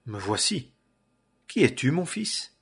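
A man reading the lines of an aged blind father in a solemn, measured way. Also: medium pitch, sing-song, vocal fry, fairly bright tone, breathy edge, heavily acted. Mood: questioning.

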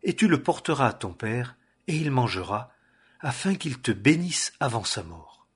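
A man reading the lines of a scheming, devoted mother in a measured way. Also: mid-range voice, very animated, breathy edge. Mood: urging.

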